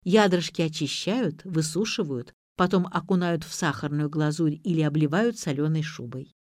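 A woman's voice: sits low, moderate pace, a little mellow, no echo, studio quality, natural voice. A woman voicing a pompous young man who lectures and shows off his learning. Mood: self-assured. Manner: pedantic, showing off.

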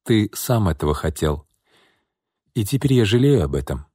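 A man's voice: fairly low pitch, very animated, normal speed, mellow, husky, dry recording, studio quality. A man voicing a reserved, guarded young man in an audiobook, speaking curtly and with restraint. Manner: curt, restrained. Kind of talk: audiobook character reading.

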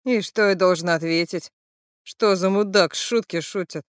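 A woman voicing a gruff male crime boss who answers the phone with dismissive contempt. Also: mid-range voice, normal speed, no room sound, clean studio sound, close to an everyday voice. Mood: scornful.

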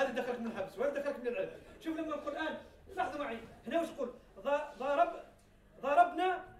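High-voiced male grammar teacher in an echoey classroom. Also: far from the mic. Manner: explains by repeating examples, asks the class questions, laughs now and then.

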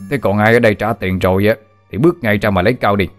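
A man's voice: fairly low pitch, quick pace, faint music behind, natural voice. A man voicing a sneering servant of a village tyrant who taunts and threatens the villagers. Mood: taunting.

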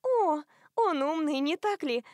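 A woman's voice: moderate pace, no echo, clean studio sound. A woman voicing a tipsy, dreamy young woman who is giggly and stubborn, in an audiobook story. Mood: tipsy, giddy. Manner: sing-song, high and excitable.

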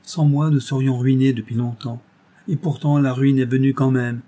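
A man's voice: medium pitch, flat delivery, moderate pace, mellow, close to an everyday voice. A man voicing a timid young innkeeper's wife who speaks in a humble, apologetic and pleading way, in an audiobook reading.

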